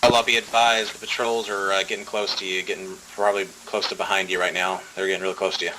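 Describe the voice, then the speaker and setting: Man, very deep voice, flat intonation, military radio reporting, recon role, gaming comms. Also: fast. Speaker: recon player reporting to team leaders. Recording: clearly noisy game voice chat.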